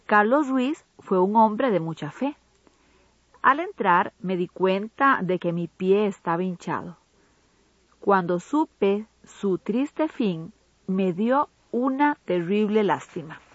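Husky woman reading a grammar lesson. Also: medium pitch, animated, no room sound. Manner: measured, didactic reading of examples. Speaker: co-host of a language program. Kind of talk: scripted educational radio narration. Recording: dull lo-fi broadcast audio.

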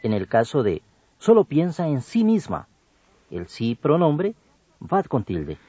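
A man co-hosting an educational radio program, reading a grammar lesson slowly and deliberately. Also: wildly swooping pitch, mellow, breathy edge, no echo. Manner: slow, deliberate, with wide swings in pitch. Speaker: co-host of a language program. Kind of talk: scripted educational radio narration. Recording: dull lo-fi broadcast audio.

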